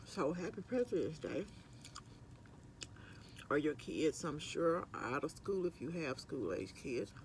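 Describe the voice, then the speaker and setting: A man's voice: a little high, very animated, measured pace, pauses often, a little hiss or hum. A middle-aged man, chatting casually and ramblingly to viewers while eating, sometimes with his mouth full. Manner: rambling, conversational. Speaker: mukbang vlogger. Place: at work on lunch break.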